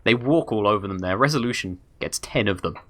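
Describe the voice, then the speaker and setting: A man's voice: lowish voice, expressive, a little fast, fairly bright tone. A man casting an esports match, talking through the game in a chatty, rambling way. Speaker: esports commentator. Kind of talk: casual esports commentary.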